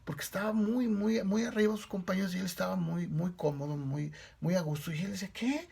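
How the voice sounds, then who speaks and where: A man's voice: sits high, steady tone, fast talker, creaky, a little mellow, slightly rough. A male pastor preaching a sermon in a conversational storytelling manner, with frequent tag questions.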